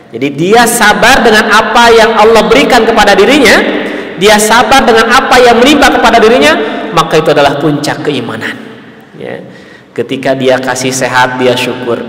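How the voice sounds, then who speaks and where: A male Islamic preacher with a Sundanese accent giving a sermon, asking the congregation rhetorical questions and punctuating lines with a steady "ya". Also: fairly high pitch, roomy sound, in a large hall, poor audio. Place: mosque hall.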